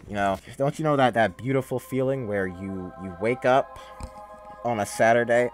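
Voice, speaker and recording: A young man giving casual gameplay commentary in a weary, grumbling way. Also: on the low side. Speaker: gaming video host. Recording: noisy recording with game gunfire. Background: video game gunfire.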